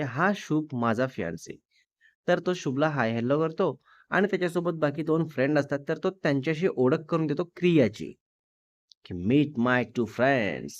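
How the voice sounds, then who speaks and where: A man's voice: a little high, no room sound, lo-fi sound. A man narrating a romantic audio story in a chatty, casual way, mixing in English words.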